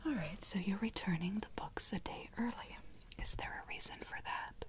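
A young woman playing a rude, condescending librarian in a whispered role-play, speaking in a breathy, curt, hushed whisper. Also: medium pitch, moderate pace, close to an everyday voice. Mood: curt, judging.

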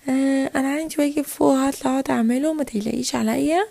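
A woman with an Egyptian accent voicing a calm, sensible older sister in a toy play video. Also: high voice, very fast, creaky, no echo. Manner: reassuring, matter-of-fact.

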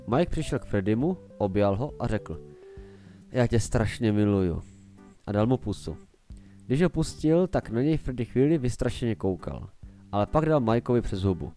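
A man's voice: mid-range voice, sing-song, mellow, poor audio. A man reading a fan-made horror story aloud in plain storytelling narration. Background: faint music.

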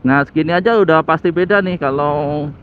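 A man's voice: on the high side, a little fast. A man chatting casually as he rides a motorbike through city traffic, recorded on a phone with a headset mic. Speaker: motovlogger. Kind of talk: casual motovlog commentary while riding. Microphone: phone with a homemade headset mic. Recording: tinny phone-like audio with faint road noise. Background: traffic and engine noise.

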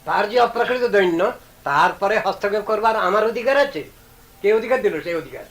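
A man's voice: high voice, animated, fairly quick, a bit bright, rough recording. A man giving a devotional discourse as a Vaishnava preacher, emphatic and stern, posing rhetorical questions.

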